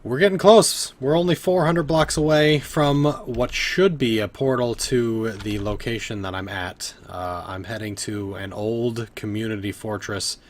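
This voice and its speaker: A man's voice: on the low side, measured pace, hardly any pauses. A man in his thirties, a bit drunk, giving rambling, profane live commentary while playing a game from his bedroom. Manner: rambling, swearing, laughing often. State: tipsy from drinking. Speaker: streamer. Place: home bedroom.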